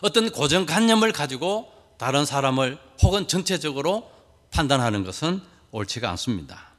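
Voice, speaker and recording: A male pastor delivers a sermon with an animated, widely swinging pitch. He keeps asking the congregation rhetorical questions and drops in folksy, humorous asides. His voice carries the long reverb of a large hall.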